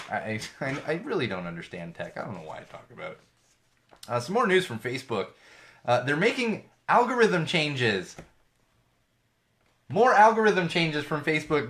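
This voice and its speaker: A podcast host with a fairly high, fairly bright voice chats casually alone on his show. He rants about social media and tech, sarcastic and swearing, and an ear infection makes his voice sound a little off.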